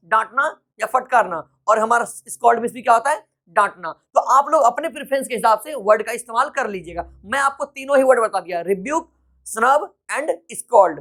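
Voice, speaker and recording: A male English teacher giving a grammar lesson, patient and repetitive, often checking that students follow and spelling out example sentences slowly word by word. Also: very high-pitched, a bit bright.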